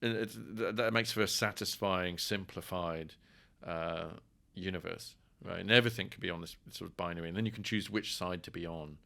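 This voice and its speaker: Speaking fairly quickly with barely any pauses, a middle-aged Englishman, a professor guesting on a podcast, uses a low voice with vocal fry and a sharp edge. He's discursive and wry in the interview, often echoing his own words as he thinks.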